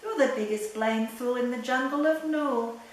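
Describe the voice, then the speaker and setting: A sour kangaroo mother from a storybook, put on by a woman, sounds haughty and dismissive. Her voice is on the high side, in a very echoey room. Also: moderate pace, recorded from a distance, close to an everyday voice. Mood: mocking. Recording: echoey room from afar, faint noise.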